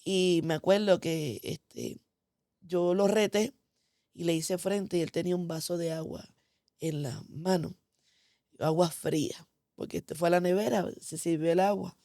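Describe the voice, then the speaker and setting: A woman's voice: lowish voice, steady tone, measured pace, vocal fry, dark tone, no echo, studio quality. A woman candidly telling her personal testimony, speaking with feeling and frequent "este" fillers. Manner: candid, emotional storytelling with many "este" fillers. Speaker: guest giving testimony. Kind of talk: conversational testimony.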